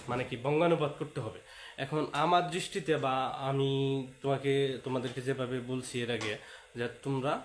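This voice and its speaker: A man giving an exam-prep lecture to students, repeating key points and mixing in English words. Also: on the high side. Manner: repetitive, talks straight to students, sprinkles English words. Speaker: teacher. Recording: echoey room with faint hiss.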